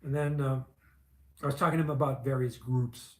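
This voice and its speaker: A man's voice: medium pitch, steady tone, brisk, darkish tone, roomy sound. A man in his fifties, a vlogger, telling a long personal story in a chatty, rambling way full of fillers and asides. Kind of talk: casual storytelling.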